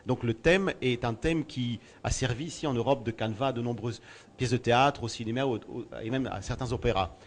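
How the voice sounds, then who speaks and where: At an outdoor festival, with slight noise behind him, a Belgian-born storyteller answers interview questions in a thoughtful, fairly quick mid-range voice, frequently repeating a word while finding the one after it.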